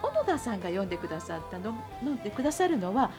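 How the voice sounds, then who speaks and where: A woman's voice: mid-range voice, big pitch swings, very fast, music in the background. A woman hosting, politely introducing a picture-book reading in courteous, formal phrasing. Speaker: program host.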